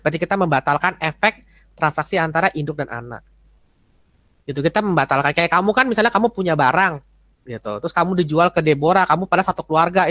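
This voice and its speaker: This accounting lecturer's voice is on the high side and a little bright, recorded with no room sound. His informal explanatory teaching includes questions and answers, and he often uses short tags to make sure listeners are keeping up.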